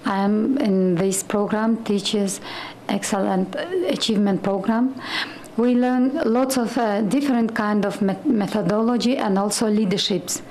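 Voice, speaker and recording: Woman, slow hesitant english, soft mellow tone. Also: medium pitch, fairly even intonation, low-quality recording. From Tajikistan. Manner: hesitant, many pauses. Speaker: teacher. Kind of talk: formal self-introduction.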